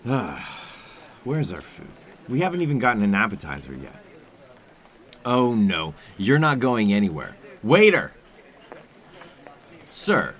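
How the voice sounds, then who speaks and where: A suave, menacing male criminal played by a man in an ASMR role-play. His voice sits low and moves in animated swings. He is smooth and condescending, impatient and used to giving orders. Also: full character voice. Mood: impatient, demanding. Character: suave, menacing male criminal coaxing a captive dinner date.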